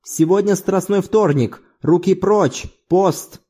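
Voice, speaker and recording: A man doing a boisterous hearty man, raised pitch. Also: slow, slightly rough, heavily acted. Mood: teasing. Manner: loud, theatrical, mock-chanting like church singing. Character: exuberant boisterous middle-aged man, hearty and playful. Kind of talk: audiobook character voice.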